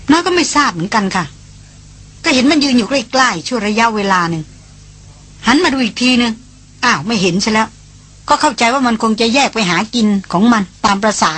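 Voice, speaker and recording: A woman reader voicing a secretive young woman who answers softly and flatly. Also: on the high side, fairly quick, husky. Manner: soft and flat.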